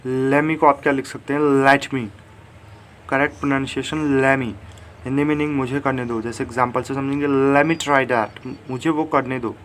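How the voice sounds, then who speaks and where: A man teaching English grammar. He reads the English examples slowly and clearly, then explains them in Hindi with many fillers. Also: mid-range voice, steady tone, a bit bright, slight background noise. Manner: frequent fillers and tag "theek hai". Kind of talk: bilingual grammar lesson.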